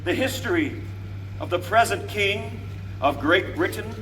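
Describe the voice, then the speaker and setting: A man playing Thomas Jefferson as a stately orator, formally declaiming a proclamation outdoors in deliberate phrases. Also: high voice, lively intonation, a bit bright, faint music behind. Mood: grave, accusing. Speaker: historical reenactor. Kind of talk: theatrical public proclamation. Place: outdoors, speaking from a balcony to a gathering. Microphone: distant camera microphone. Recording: distant outdoor recording with background noise.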